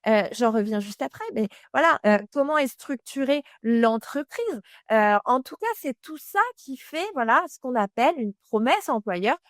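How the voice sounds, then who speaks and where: A woman walks the listener through employer branding in a casual, direct voice that sits a bit high. She speaks to the listener as "tu", peppering her points with fillers. The sound is dry and close, with no room around it. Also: expressive, moderate pace, hardly any pauses, no room sound. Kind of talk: casual expert explainer.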